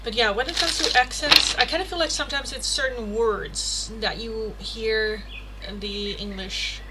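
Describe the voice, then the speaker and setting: Over a very noisy background, a Dutch young woman with a fairly high voice speaks at a measured pace in her Dutch accent. She hosts a tarot livestream from the Netherlands, chatting, laughing often, cursing casually, and reading oracle card text aloud.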